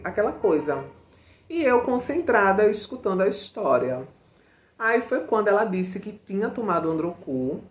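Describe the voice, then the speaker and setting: A woman vlogger telling a personal story to her viewers in a chatty, expressive way, often calling out to them and using slang. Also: deep voice. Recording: roomy echo.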